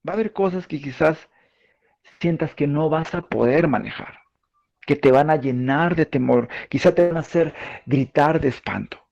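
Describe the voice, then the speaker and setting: A man with a Peruvian Spanish accent preaching a sermon in a conversational way, asking his listeners questions and often pausing with fillers. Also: fairly high pitch, creaky, a little mellow, highs cut off. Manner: conversational, asks the audience questions, frequent fillers.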